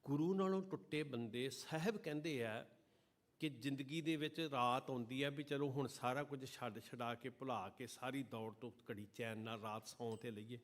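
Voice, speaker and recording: A man preaching a sermon to a congregation at a gurdwara, chanting and singing scripture lines slowly between passages of fervent preaching. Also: mid-range voice. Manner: addresses the congregation directly. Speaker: Sikh preacher giving katha. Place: gurdwara hall during an evening service.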